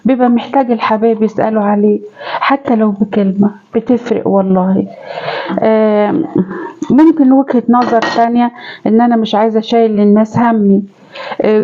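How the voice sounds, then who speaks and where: A woman with an Egyptian accent talks to her viewers as she cooks in her home kitchen, chatty and affectionate, often turning to them fondly. Her voice is mellow and dark. The recording sounds dull and lo-fi. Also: a little high. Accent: Egyptian Arabic. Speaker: home cooking vlogger and mother. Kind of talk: chatty cooking vlog talk to viewers.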